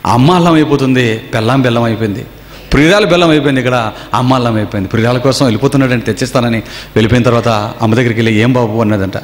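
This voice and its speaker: A man's voice: mid-range voice, rapid-fire. A man preaching a sermon to a gathering. He tells stories and keeps firing rhetorical questions at his listeners. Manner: storytelling with rhetorical questions to the audience. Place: seminar hall. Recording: echoey hall with long reverb.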